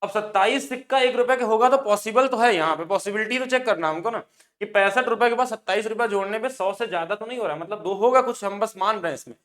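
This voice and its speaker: A male maths teacher with a fairly high voice runs through an exam problem at a rapid clip. He explains briskly and keeps urging his students to look closely at each step. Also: fairly bright tone. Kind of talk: exam-prep maths lesson.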